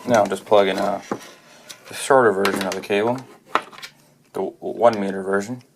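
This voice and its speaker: A man with a fairly low voice talks through a product review as he goes, unscripted. He often trips over words and restarts phrases. A faint noise sits under his voice. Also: steady tone, vocal fry. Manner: halting, frequent restarts and self-corrections.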